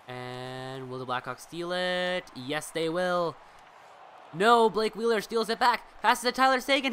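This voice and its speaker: Brief: high, bright-voiced male streamer calling video game hockey play-by-play, excitable, swears casually at his viewers. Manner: excitable, bursts into loud shouts on big plays; casual and profane asides to viewers.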